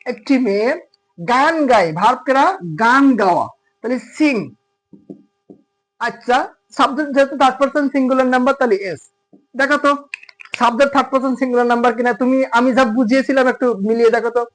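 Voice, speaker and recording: A man's voice: very high voice, fairly even intonation, fast, a bit bright. A man teaching English grammar in Bengali, explaining patiently and asking his students rhetorical questions. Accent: Khulna Bengali. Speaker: English tutor. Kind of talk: classroom grammar lesson. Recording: tinny phone-like audio.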